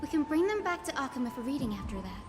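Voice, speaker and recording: Cheerful young game heroine, high voice, lively storyteller, reverb over music. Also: female voice, racing. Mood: explaining. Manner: lively storyteller mimicking quoted critics. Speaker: game character. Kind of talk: game voice acting.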